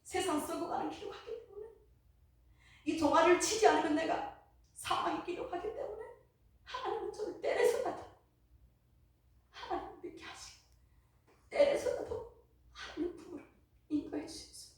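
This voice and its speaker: A woman missionary from Korea, giving an impassioned church testimony that swings between hushed and loud. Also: very high voice, moderate pace, pauses often. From North Korea. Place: church sanctuary. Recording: very echoey hall, mic far off.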